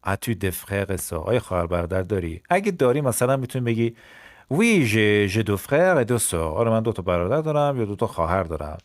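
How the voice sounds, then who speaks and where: A man's voice: on the low side, big pitch swings, no room sound. Persian-speaking man teaching French. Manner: switches between quick explanation and slow, careful example sentences; addresses viewers as kids. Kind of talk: language lesson.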